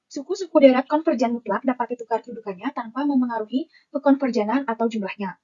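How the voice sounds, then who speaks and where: A woman's voice: fairly high pitch, quick pace, warm tone, husky, dull audio. A young woman, a university student, reads her math lecture notes aloud and works through the formulas one term at a time.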